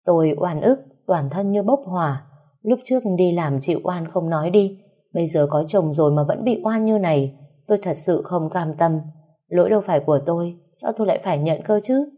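Woman narrator, plaintive first-person story, low mellow voice. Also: animated, brisk. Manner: emotional, wronged, plaintive.

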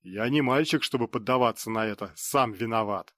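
A tired, stern emperor speaks heavily and deliberately. A man acts him out in an audiobook near his normal voice, recorded dry and close. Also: fairly low pitch, a bit bright, no echo, close to an everyday voice. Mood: grave. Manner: heavy, deliberate delivery. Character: weary emperor, adult man, grave and stern. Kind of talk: audiobook character reading.

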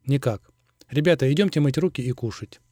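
A man's voice: mid-range voice, fairly quick, a little mellow, no echo, clean studio sound, natural voice. A man reading the lines of a blunt young woman who cares for orphans, speaking tersely. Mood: curt. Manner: curt and terse.

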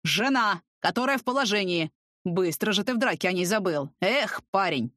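A woman reading an audiobook, voicing a gruff, bossy middle-aged police officer who barks orders and lectures. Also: mid-range voice, expressive, normal speed, fairly bright tone, no room sound, clean studio sound, close to an everyday voice. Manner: barking, commanding, fatherly lecturing. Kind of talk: audiobook character voice.

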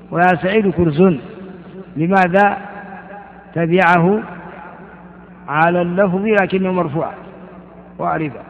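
An older man teaches Arabic grammar in a lecture, repeating examples and posing questions he then answers himself. His voice is high, and the old recording is tinny and echoey with slight background noise.

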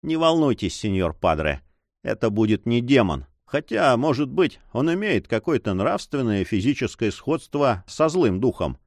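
A man's voice: mid-range voice, big pitch swings, normal speed, no echo, studio quality. Man playing a teasing French adventurer. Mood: mocking. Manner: teasing, self-assured. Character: mocking confident French adventurer, adult male.

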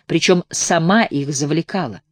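A hesitant, uneasy landowner confides a dark local legend , read by a woman in an audiobook. He speaks in a low, confiding tone with little flourish. The recording is dry and close. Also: normal speed, no room sound. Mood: hushed.

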